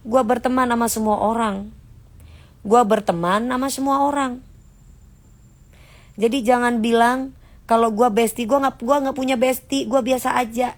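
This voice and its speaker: A woman talks straight to her live stream viewers in a somewhat high voice. She is blunt and defiant, hammers the same points again and again, and laughs between remarks. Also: fairly even intonation, measured pace, pauses often. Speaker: livestream host. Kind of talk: casual live stream talk.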